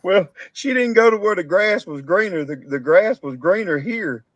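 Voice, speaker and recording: A Texan cattle farmer hosts a casual live-stream chat, his high, expressive voice moving at normal speed with no room sound. He rambles and laughs through his stories in rural Southern grammar. The stream audio is dull, dry and lo-fi.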